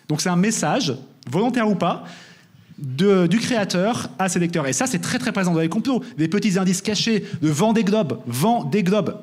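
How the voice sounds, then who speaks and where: A young man giving a lively conference talk, often checking in with "d'accord?". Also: high voice. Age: young adult. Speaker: conference speaker.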